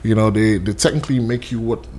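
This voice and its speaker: Laid-back young man with a low voice. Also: quick pace, a little mellow. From Haiti. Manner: laid-back, rambling with fillers and restarts. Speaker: interview guest, custom suit maker. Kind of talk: casual interview.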